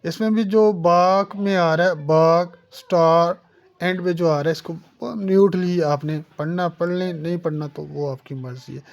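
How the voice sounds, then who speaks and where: A woman's voice: fairly low pitch, moderate pace, hardly any pauses, darkish tone. A woman teaching English phonetics. She patiently sounds out example words one by one and addresses the learner as dear student. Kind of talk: phonetics lesson.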